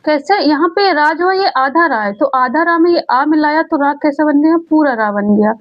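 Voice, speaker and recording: Female teacher, high voice, exam-prep lesson; poses then answers her own questions, muffled lo-fi audio. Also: lively intonation. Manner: repeats key words slowly. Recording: dull lo-fi sound.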